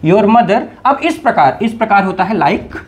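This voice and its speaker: A man teaching a video lesson, explaining grammar in an animated way and playfully scolding his students in jest. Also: sits high, unhurried. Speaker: English teacher.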